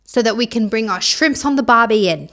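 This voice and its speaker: A woman playing indignant Australians in a deliberately bad mock Australian accent, huffy and exaggerated. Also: a little high, expressive, fairly bright tone. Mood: scheming. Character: indignant Australians scheming over the Olympics.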